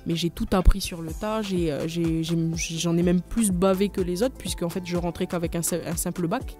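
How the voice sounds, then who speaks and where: A woman's voice: lowish voice, fairly even intonation, normal speed, dark tone, soft background music. A woman, a company manager explaining her path earnestly in a radio studio interview. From New Caledonia. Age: 20s.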